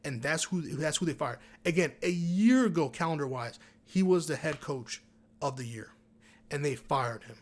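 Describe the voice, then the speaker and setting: A man's voice: fairly high pitch, expressive, moderate pace. A man giving a heated, profane rant in basketball commentary, repeating himself for emphasis. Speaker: sports commentator.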